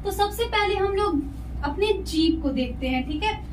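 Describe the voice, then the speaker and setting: A woman's voice: very high-pitched, animated, normal speed. A woman teacher giving a lesson step by step, asking herself questions and then answering them patiently. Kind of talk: classroom lesson explaining step by step. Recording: echoey room, voice from a distance, faint noise.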